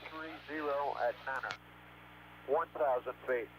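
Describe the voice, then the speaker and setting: A man's voice: mid-range voice, measured pace, fairly bright tone. A man over crackly military radio, giving terse, clipped reports in the manner of a pilot. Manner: clipped digit-by-digit readouts. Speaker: astronaut pilot. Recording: narrow phone-like band, radio hum, static.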